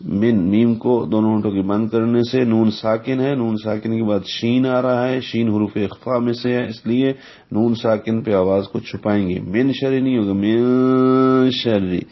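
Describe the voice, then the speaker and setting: A man teaching the rules of Quran recitation, explaining slowly and methodically and pausing to recite example verses. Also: on the low side, fairly even intonation. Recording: dull lo-fi recording.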